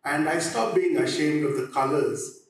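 A man in a reflective, halting way, often restarting. His voice sits a little high. It comes from a stage through heavy hall echo, at some distance, with faint noise. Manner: halting, with frequent pauses and restarts. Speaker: theatre practitioner on a discussion panel. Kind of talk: reflective panel talk. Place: on stage in an auditorium. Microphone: handheld microphone. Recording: very echoey hall, distant, slightly noisy.

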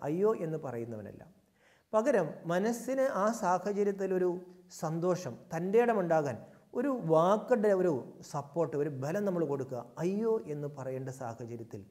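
Man, spiritual talk, fairly high voice, mellow tone, asks and answers his own questions, loud stresses and soft asides. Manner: questioning the listeners and answering himself; swings between loud emphasis and soft low asides. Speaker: spiritual teacher.

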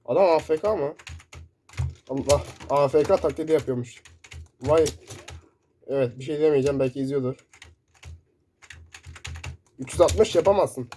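A man commentating his own first-person shooter gameplay, excitable and shouting in bursts, keyboard clicks close by. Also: on the high side, moderate pace, long pauses, slight background noise. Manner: excitable, shouting in sudden bursts during play. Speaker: gaming YouTuber. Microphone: desk mic picking up keyboard. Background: loud keyboard typing.

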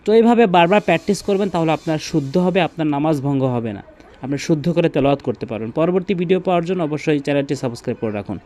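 A man teaching Quran recitation rules, chanting verses slowly and then explaining quickly in plain speech. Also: fairly high pitch, mellow. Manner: alternates drawn-out chanted recitation with rapid instruction.

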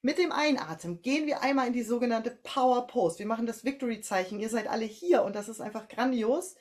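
This woman's voice sits on the high side. A German-accented voice coach, she calmly and slowly talks listeners through a breathing and posture exercise in clear steps.

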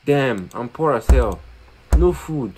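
Man, gameplay commentary, excitable, swears a lot, slangy, mid-pitched, faint crickets behind. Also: slow, a little hiss or hum, rough recording. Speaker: gamer playing a horror game.

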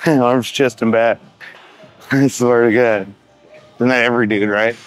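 In a large indoor gym with music playing, a man in his thirties chats to camera for a casual workout vlog. His medium-pitched voice stays steady and slow as he grumbles, mocks himself, and throws in profane gym-bro slang.

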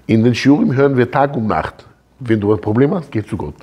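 A man teaching a religious lesson as a rabbi, animated and often putting questions straight to his listeners. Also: mid-range voice, fairly quick, slightly rough. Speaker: rabbi teaching a Torah class.

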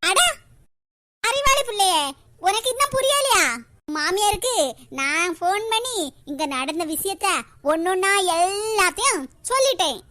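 A woman's voice: very high-pitched, lively intonation, unhurried, pushed and bright, full character voice. A woman voicing a scheming, vengeful neighbour auntie in a cartoon, gloating dramatically in a Kanyakumari Tamil accent.

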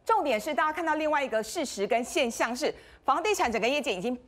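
A woman's voice: sits high, lively intonation, fast talker. A woman with a Taiwanese Mandarin accent hosting a studio current-affairs talk show, emphatic and full of rhetorical questions.

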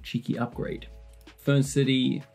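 A man's voice: mid-range voice, flat delivery, measured pace, gravelly, a little mellow, faint music behind. A man presenting a casual screen-share tutorial, chatty, joking and self-deprecating as he clicks through.

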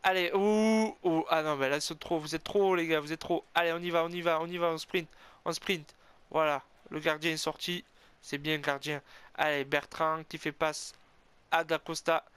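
Man, gamer play-by-play commentary, excitable, exclamatory, slightly high voice, clean smooth tone. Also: normal speed. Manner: animated, cheering and groaning, frequent "oh là là" exclamations; self-corrects and admits being an amateur. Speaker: gamer commentating his own hockey video game match.

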